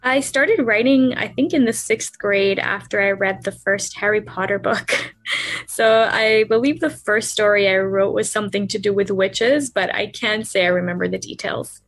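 A woman's voice: medium pitch, a bit bright, soft background music. Laughing young woman author. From Canada. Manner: friendly, laughs often, thoughtful pauses. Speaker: author guest. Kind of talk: podcast interview.

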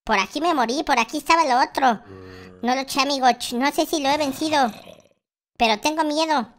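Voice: sits high, fairly quick, fairly bright tone. A performer voicing a timid but boastful baby noob boy in a Minecraft gameplay video, talking in childish baby talk with a lisp. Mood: nervous. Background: faint background music.

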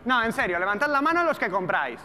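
An extremely high-pitched, sing-song male voice moves at a quick pace with a bright, forceful tone. The speaker, a trader and trading educator in his thirties with a European Spanish accent, gives an informal, colloquial talk riddled with rhetorical questions to a seated audience on a large auditorium stage, in an echoey, noisy hall.

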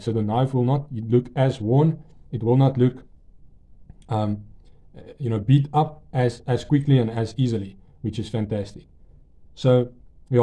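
Dark-voiced man reviewing gear. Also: medium pitch. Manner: enthusiastic, rambling, many fillers and restarts. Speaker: knife reviewer. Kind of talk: casual product review.

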